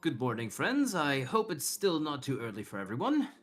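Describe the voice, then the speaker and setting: A man's voice: a little high, huge pitch swings, moderate pace. A man voicing a polite Duke delivering a formal recorded message in a tabletop game. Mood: formal, courteous. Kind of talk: tabletop role-play message. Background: background music.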